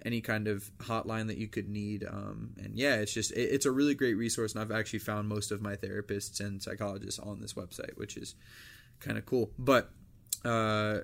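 A man's voice: lowish voice, steady tone, moderate pace, gravelly, a bit bright. A young man co-hosting a podcast in casual chat, rambling and restarting his sentences as he reads from a list. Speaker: podcast co-host.

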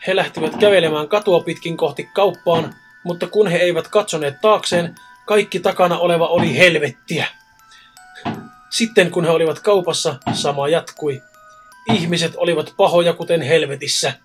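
A man's voice: fairly high pitch, faint music behind. A man co-hosting a casual podcast, reading stories and joking around with frequent swearing. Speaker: podcast co-host. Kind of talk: casual chat and story reading.

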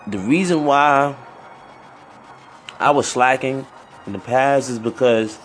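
A man who sounds high, hosting a casual podcast alone in a rambling, repetitive, slangy stoner manner. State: high on weed. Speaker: podcast host.

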